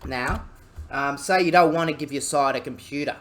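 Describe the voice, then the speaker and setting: A young Australian man, a student, talking through a coding tutorial in a halting, casual way, full of ums and jokey asides. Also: a little high, fairly bright tone, slight background noise. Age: young adult.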